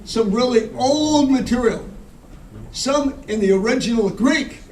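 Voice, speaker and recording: High-pitched corny borscht belt stand-up comic. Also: male voice, a little slow, a little mellow. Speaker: stand-up comedian. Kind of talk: stand-up comedy, old-fashioned one-liners. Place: live comedy show before an audience. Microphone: far from the recording mic. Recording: distant echoey live room with audience noise.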